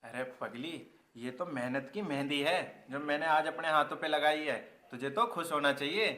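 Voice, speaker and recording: Give me a heartfelt young villager with a slightly high voice. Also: male voice, normal speed, sharp tone. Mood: tender. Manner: earnest, heartfelt. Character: reformed young village man, earnest and devoted. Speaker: headman's son, laborer. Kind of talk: rural comedy film acting.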